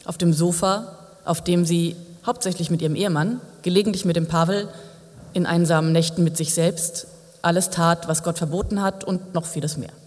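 A man's voice: on the high side, normal speed, a little mellow. A man narrating a novel in a dry, wry manner, with long reverb. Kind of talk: audiobook narration.

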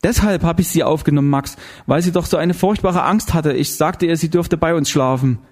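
A man's voice: a little high, a little fast, pitched above the performer's own voice. A man reading an audiobook voices a frightened wife who tells of a terrifying night, tense and pleading. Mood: fearful. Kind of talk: audiobook character voice.

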